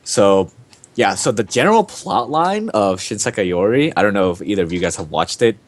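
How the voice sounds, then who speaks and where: A man's voice: on the low side, expressive, brisk. A young man hosting a casual podcast, talking in a rambling, enthusiastic way full of fillers. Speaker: podcast host.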